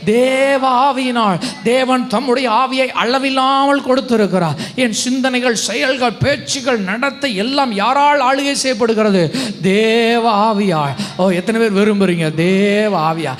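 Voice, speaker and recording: A male pastor delivers a call-and-response sermon in a very high voice. He keeps prompting the congregation to answer aloud, moving from slow, stressed words to quick bursts of talk. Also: a bit bright.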